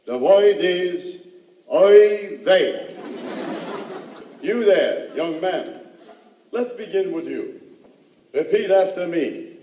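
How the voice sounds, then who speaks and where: A man's voice: sits high, expressive, slow pace, long pauses, mellow. An actor playing a pompous male professor who lectures a class with theatrical, punchline timing, on an old comedy record. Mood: mock-solemn. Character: pompous male professor running a crash course. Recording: echoey, distant, noisy old comedy record.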